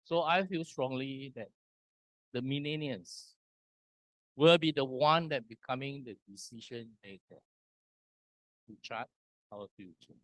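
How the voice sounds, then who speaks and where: A man from Singapore giving a conference presentation, walking through slides in slow, deliberate short phrases. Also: medium pitch, a bit bright, dry recording. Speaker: conference speaker. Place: conference hall.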